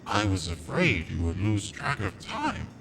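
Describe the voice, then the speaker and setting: A man voicing a formal, humble male servant in dialogue through a deep metallic robot voice filter on his mixer. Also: huge pitch swings, vocal fry, full character voice. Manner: formal, deferential, measured. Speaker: gaming streamer. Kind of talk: voicing game dialogue live. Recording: loud noise under a filtered voice.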